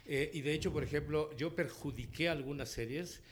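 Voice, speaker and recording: Animated Mexican man telling stories. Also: fairly high pitch, normal speed, a little hiss or hum. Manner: animated storyteller, acts out quotes, laughs often. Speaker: voice actor and dubbing director. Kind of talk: relaxed interview storytelling.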